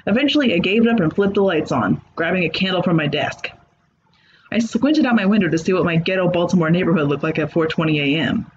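This male narrator's voice sits high as he reads a comedic creepypasta with sardonic dryness. The sound is dull and carries a bit of background noise.

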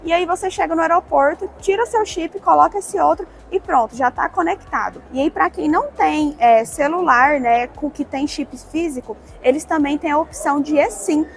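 A woman's voice: high voice, normal speed, vocal fry, few pauses. A woman from Brazil narrating a travel vlog in a friendly, chatty way, talking straight to her viewers. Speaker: travel vlogger.

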